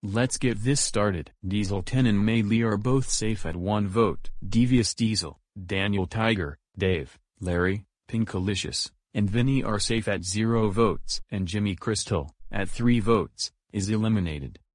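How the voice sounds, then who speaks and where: Guy doing a hedgehog announcer in a fan cartoon, lowish plain voice, dry. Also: a little slow, few pauses, no room sound. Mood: upbeat. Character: cheerful hedgehog announcer, male.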